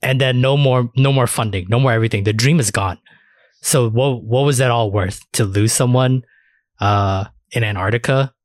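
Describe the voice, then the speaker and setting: On a dry, studio-quality recording, a man with a mid-range voice talks at a moderate pace. He's hosting an anime discussion podcast, keeping it casual with plenty of profanity and fillers.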